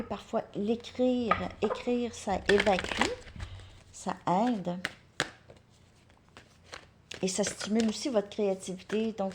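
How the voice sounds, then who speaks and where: A woman's voice: medium pitch, noisy background. Chatty woman thinking aloud. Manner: lively, thinks aloud with restarts and chuckles. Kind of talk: casual talk, reading advice aloud.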